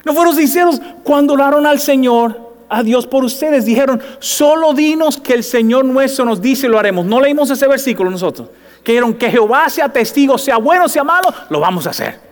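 A male pastor preaching a sermon in lively, conversational Spanish, often asking the congregation if they follow him. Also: very high-pitched, brisk, big-room sound. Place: church sanctuary.

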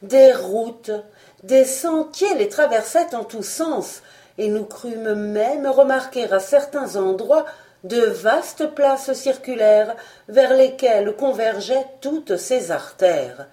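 A woman reading an adventure novel aloud with expressive, deliberate storytelling. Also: on the high side. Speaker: narrator.

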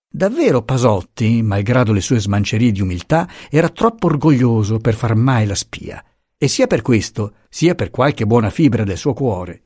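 A man narrating a classic novel as an audiobook, measured and expressive, recorded close on a studio mic. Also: fairly low pitch, slightly rough, dry recording.

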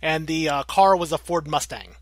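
A man's voice: a little high, moderate pace, no echo. A man hosting a casual podcast, teasing his co-host playfully and giggling often, on a close mic.

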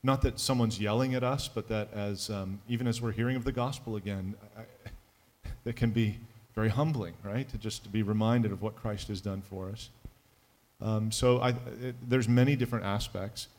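A pastor on a conference panel answers a question thoughtfully and in a measured way, with a few halting restarts. His voice is fairly low and a little mellow, with fairly even intonation.

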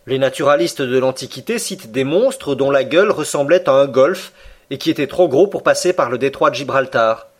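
A man's voice: medium pitch, lively intonation, a little fast, slightly rough. Man reading a classic novel aloud. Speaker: audiobook narrator. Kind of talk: scripted literary narration.

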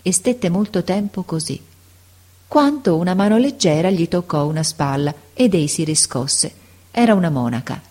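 A woman narrating a classic story as an audiobook, in a measured, sorrowful manner. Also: fairly low pitch, expressive, mellow.

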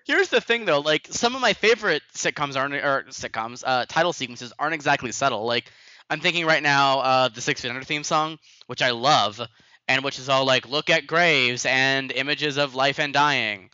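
A man's voice: medium pitch, moderate pace, sharp tone, smooth, no room sound, muffled recording. A man co-hosting a casual podcast, thoughtful and hesitant, often restarting sentences. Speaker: podcast co-host.

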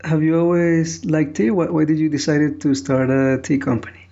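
Man, podcast interviewer, mellow dark tone, halting simple questions, casual, slightly muffled lo-fi recording. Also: fairly high pitch, level tone, vocal fry. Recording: dull, lo-fi podcast sound.

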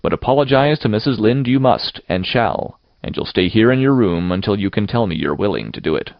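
A stern middle-aged woman from a storybook, played by a man, severe and scolding. The delivery is dry and creaky, with lively rises and falls in a slightly dull recording. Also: lowish voice, a little fast, no room sound.

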